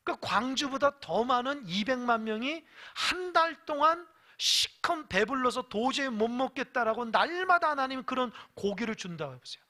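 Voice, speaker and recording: Brief: sermon preacher in a church, animated, question-and-answer with the pews, bright tone. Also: sits high, moderate pace, few pauses. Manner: lively, quizzing the congregation. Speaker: pastor.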